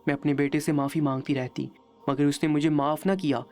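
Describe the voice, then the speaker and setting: A woman telling a moral story in the first person, in a steady, measured reading. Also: low voice.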